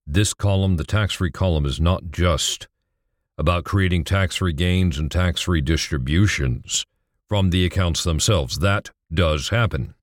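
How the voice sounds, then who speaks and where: A man's voice: deep voice, unhurried, no room sound, clean studio sound. A middle-aged man explaining retirement account taxes, emphatic and asking rhetorical questions that he answers himself. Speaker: financial educator. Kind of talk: explanatory financial talk.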